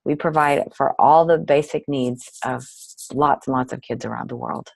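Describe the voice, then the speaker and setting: A woman's voice: very deep voice, normal speed, vocal fry, a little mellow, husky, dry recording, poor audio. A middle-aged woman, a nonprofit director, telling her story earnestly as an interview guest.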